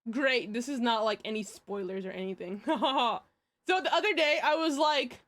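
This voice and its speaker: High-pitched, hyper young woman livestreamer. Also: moderate pace, fairly bright tone. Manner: hyper, giggly and scattered, repeating words. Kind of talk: casual livestream chat.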